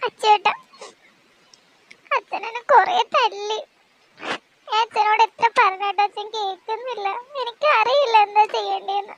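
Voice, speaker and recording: A woman's voice: very high voice, steady tone, normal speed, pauses often, fairly bright tone, dull audio. A young woman voicing a tearful, pleading teenage daughter.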